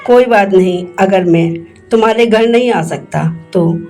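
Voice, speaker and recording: A woman's voice: mid-range voice, a little slow, a little mellow, close to an everyday voice. Woman as a faithful young devotee calling to God, faint music behind. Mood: devout. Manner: tearful, devout. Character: young male devotee, heartbroken yet faithful.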